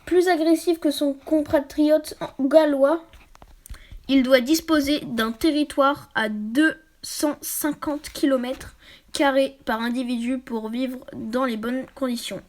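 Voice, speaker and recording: A woman reading a book aloud for her channel. She often trips over words, corrects herself, and drops into quick, quiet asides. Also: high voice, fairly even intonation. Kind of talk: casual read-aloud with asides.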